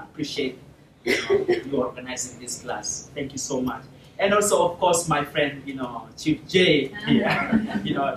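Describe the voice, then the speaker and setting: A young South Sudanese man giving a formal talk to a university class, thanking people warmly and using many fillers. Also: medium pitch, background noise. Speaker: guest speaker. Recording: echoey classroom, from far off.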